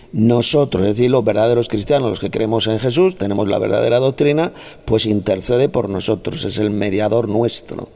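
Gravelly and darkish, his fairly low voice carries a Bible study that has become a heated argument. He interprets the verses with firm conviction, berating and mocking anyone on the other side.

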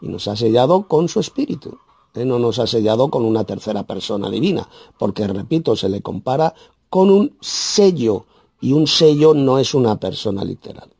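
A man with a Spain Spanish accent preaching a verse-by-verse sermon, emphatic and scornful, with sudden loud, high bursts and a habit of tagging his points with "¿eh?". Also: expressive, normal speed, vocal fry, slightly rough, no echo. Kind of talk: sermon, verse-by-verse Bible exposition.

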